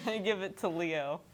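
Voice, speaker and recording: A woman's voice: lowish voice, slight background noise, rough recording. A woman playing a tabletop game, recounting her character's sly moves matter-of-factly. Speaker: player. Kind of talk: casual tabletop game play.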